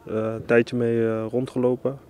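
A man's voice: medium pitch, little pitch movement, moderate pace, dark tone. A young man, a footballer, answering interview questions hesitantly with many fillers.

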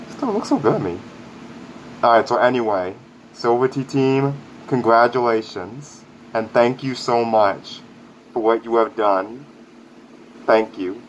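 A man speaking through a face mask in a casual, rambling vlog review, upbeat and repeating himself. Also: fairly low pitch. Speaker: product reviewer. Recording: dull lo-fi audio with faint air conditioning hum.

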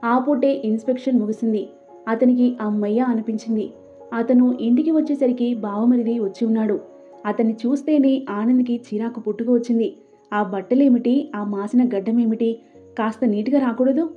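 Brief: woman storyteller, steady reading, fairly high voice, tinny phone-like sound with soft music behind. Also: normal speed. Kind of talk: scripted story narration. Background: faint background music.

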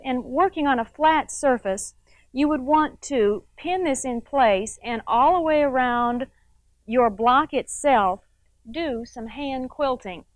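A middle-aged woman with a slightly high voice hosts a quilting show, demonstrating step by step in a chatty instructional TV style and often tossing tag questions to the viewer. The recording is dry and low quality.

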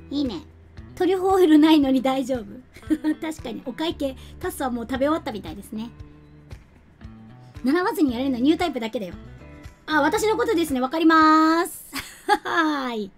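High-voiced chatty woman streamer. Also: a little mellow. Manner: chatty, giggly, reads out and thanks viewers. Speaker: game streamer. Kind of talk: casual live-stream chat.

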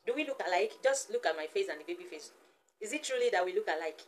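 A woman's voice: mid-range voice, animated, fast, a little hiss or hum. A woman, chatting playfully in a casual vlog and cooing teasingly at her baby. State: sweating, flustered. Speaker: vlogger, mother of a baby.

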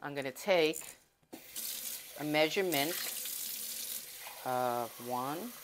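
A woman with a deep voice takes her time as she demonstrates cooking in her home kitchen. This casual vlogger rambles and opens up to her viewers throughout. Background noise can be heard.

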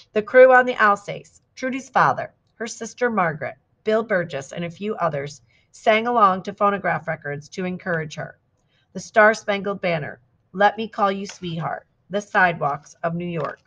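Female storybook reader, lower voice, measured narration. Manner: steady, clear storytelling with lively quoted shouts. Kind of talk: scripted narration of a picture book.

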